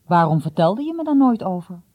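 A woman's voice: medium pitch, sing-song, a little fast, dark tone, no echo, close to an everyday voice. A woman voicing a stern, cool middle-aged father who questions his son seriously.

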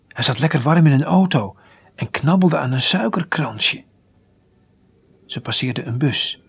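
A man calmly reading a children's story aloud, sometimes dropping to a near whisper. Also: mid-range voice, husky.

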